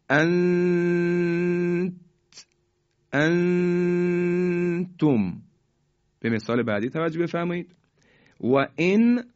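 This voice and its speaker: A man teaching Quran recitation rules, formal and polite, drawing out the example words slowly for listeners to repeat. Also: medium pitch, a little mellow, lo-fi sound. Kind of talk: tajweed lesson with recited examples.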